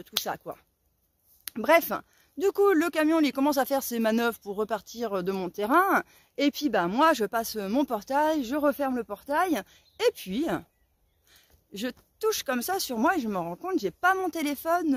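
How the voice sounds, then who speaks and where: A young woman tells a story to her viewers in a high, lively voice that swoops up and down. Her speech is casual and full of slang, and she acts out her own shouting. The sound is dry and close. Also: moderate pace, no echo. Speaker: vlogger.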